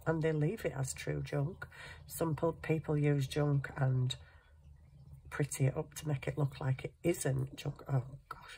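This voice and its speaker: Sitting at a cluttered craft table indoors, a middle-aged woman hosting a craft channel hand sews and chats in a casual, self-deprecating way. She has a cold, so her low, warm voice is husky and congested, and she sniffs; there's slight background noise.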